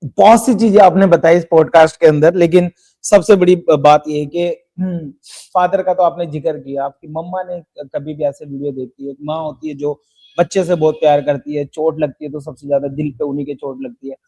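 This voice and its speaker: A man hosts a podcast with a mellow, slightly high voice. He asks his guest questions in a calm, easy manner. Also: fairly quick, gravelly, rough recording. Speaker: podcast host. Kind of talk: casual podcast interview.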